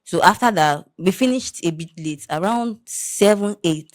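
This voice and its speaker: A young woman with a Nigerian accent co-hosts a casual podcast and tells her stories with lively energy. She drops into pidgin phrases now and then. Her voice sits a bit low. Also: measured pace. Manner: animated storytelling, mixes in pidgin. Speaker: podcast co-host. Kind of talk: casual chat.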